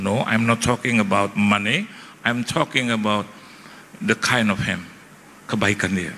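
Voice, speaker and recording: A man's voice: medium pitch, pushed and bright, long reverb tail, slight background noise. A middle-aged man, preaching a testimony as a pastor, acting out both sides of the dialogue. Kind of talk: sermon testimony.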